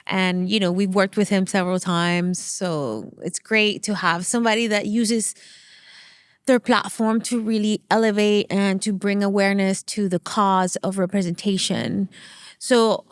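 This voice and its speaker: Being interviewed, a Venezuelan producer and CEO in middle age, whose first language is Spanish, recounts her story with animation and frequent laughter. She speaks at an unhurried pace in a medium-pitched, clean voice, captured in studio quality with no room sound.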